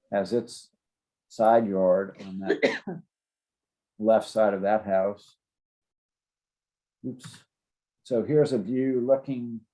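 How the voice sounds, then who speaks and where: Very mellow, low-voiced man presenting. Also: poor audio. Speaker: city zoning staff presenter. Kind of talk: informal explanatory presentation of maps and photos.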